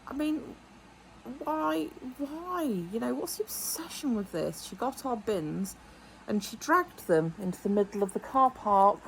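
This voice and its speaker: A woman's voice: on the high side, lively intonation, a little slow, gravelly, a little hiss or hum, low-quality recording. A middle-aged woman from England telling a story in a rambling, indignant way to her vlog audience. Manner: rambling, indignant, with many asides and quoted dialogue. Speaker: vlogger. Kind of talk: casual storytelling monologue.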